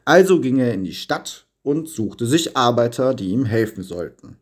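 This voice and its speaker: A man reading a children's story aloud with expressive, lively storytelling. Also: mid-range voice, moderate pace. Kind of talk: scripted storybook narration.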